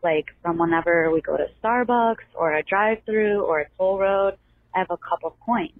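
A woman leaving a voicemail for a podcast, telling a small story in a slow, halting way. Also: medium pitch. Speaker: voicemail caller. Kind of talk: voicemail message. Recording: tinny phone voicemail.

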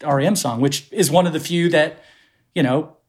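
A middle-aged Boston-area man, a festival producer appearing as a podcast guest, speaks at a normal speed in a fairly high, slightly rough voice. In casual conversation, he tells rambling, self-deprecating, profane stories full of restarts.

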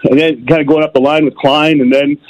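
A man's voice: on the high side, steady tone, a little fast. A man calling in over the phone, giving loose, opinionated talk with fillers. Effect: heard over the phone. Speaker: caller. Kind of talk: casual call-in chat. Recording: muffled phone line.

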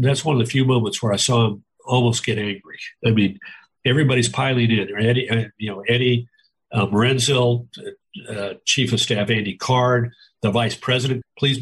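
A husky male voice tells an insider's story in an interview, slipping into the voices of the people he quotes. He keeps it conversational and vivid. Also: mid-range voice, low-quality recording. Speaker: former presidential aide. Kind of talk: interview recollection.

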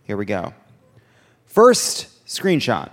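A man's voice: on the low side, huge pitch swings, slow pace. A man hosting a live comedy podcast on a theater stage, running a quiz game with a wry, teasing manner. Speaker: host. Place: large theater stage before an audience. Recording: live theater with long reverb.

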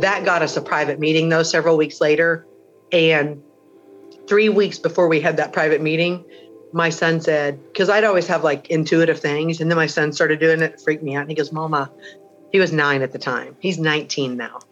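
A woman recounting a confrontation in an emotional interview, blunt and animated, swearing and acting out what people said. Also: low voice, moderate pace, lo-fi sound, soft background music. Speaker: interviewee, local radio host. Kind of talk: emotional personal storytelling.

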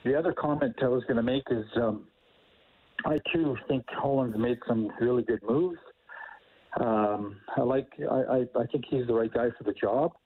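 A man calling in to a sports talk show over the phone, hesitant and pausing with ums. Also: mid-range voice, husky. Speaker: caller. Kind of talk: sports call-in chat. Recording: tinny phone line.

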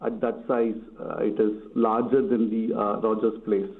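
Man on echoey speakerphone, gravelly. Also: lowish voice, flat delivery, normal speed. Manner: hesitant, many filler sounds. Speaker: guest, general manager. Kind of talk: phone-in interview. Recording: echoey tinny speakerphone call.

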